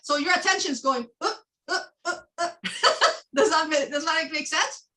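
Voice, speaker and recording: A woman's voice: high voice, moderate pace, rough recording. A woman teaching a meditation class, explaining with frequent laughs and many restarts. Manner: animated, laughs often, repeats and restarts.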